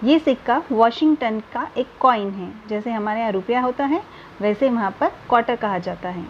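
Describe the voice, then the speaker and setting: A woman teacher giving a grammar lesson, reading English definitions slowly and then explaining them in Hindi. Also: on the high side, dull audio, slight background noise.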